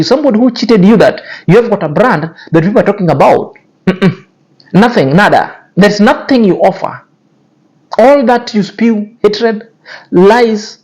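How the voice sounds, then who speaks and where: A man with a high-pitched voice and darkish tone hosts a YouTube commentary channel. He heaps scorn on influencer drama in a cutting, repetitive, lecturing way.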